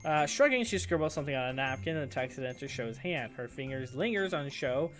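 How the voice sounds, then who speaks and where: A young man streaming a visual novel, reading the narration aloud with animated joking asides. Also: mid-range voice, brisk, faint music behind.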